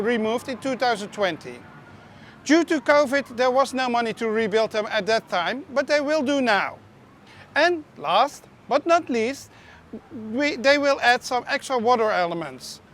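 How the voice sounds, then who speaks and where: Narrating a laid-back theme park news vlog, a talkative woman shares strong opinions, stumbling and restarting now and then. Her voice is a little high, and the recording carries a bit of hiss or hum.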